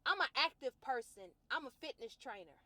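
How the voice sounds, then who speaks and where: A fitness trainer and vlogger, a woman ranting to camera in a colloquial, outspoken way, swinging between loud outbursts and low, quiet musing. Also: expressive, fairly quick, no room sound. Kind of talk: personal rant to camera.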